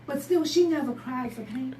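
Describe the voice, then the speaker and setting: A woman from Barbados performing a spoken word poem at a live poetry night, in a rhythmic, emphatic delivery that rises into shouts. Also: high voice, normal speed, slight background noise. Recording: echoey room from a distance.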